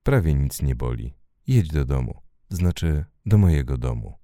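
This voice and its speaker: A man voicing a frightened woman who speaks quietly and pleads. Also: extremely low pitch, animated, measured pace, no echo, clean studio sound. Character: frightened young woman defending her husband.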